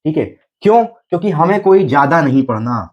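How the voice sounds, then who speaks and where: A man's voice: on the high side, big pitch swings, a little fast, a little mellow, highs cut off. A man teaching an exam preparation class, coaxing his students with repeated rhetorical questions and frequent check-ins. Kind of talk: exam coaching lecture.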